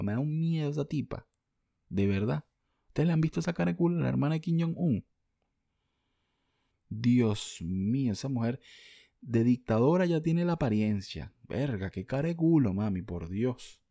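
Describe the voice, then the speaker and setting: A man's voice: mid-range voice, gravelly, mellow, dry recording, studio quality. A young Venezuelan man ranting bluntly and profanely in a casual vlog, answering viewer comments. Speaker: vlogger.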